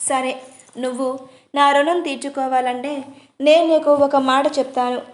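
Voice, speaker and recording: A woman's voice: high voice, fairly even intonation, unhurried. A woman voicing a young man, a protective elder brother who speaks firmly and earnestly in a storybook reading. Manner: firm, earnest.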